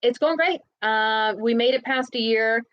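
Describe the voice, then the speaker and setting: Relaxed woman chatting on a livestream. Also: on the high side, a little slow, no echo, muffled recording. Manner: relaxed, chatty, reads viewer comments aloud. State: recovering, resting in bed. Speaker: livestream co-host. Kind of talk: casual livestream chat.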